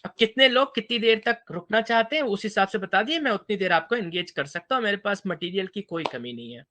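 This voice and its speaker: A male lecturer teaching a class in two languages with a bright, clear voice. His delivery is playful and animated, full of quick check-ins with the students. His pitch rises and falls freely. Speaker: university English lecturer.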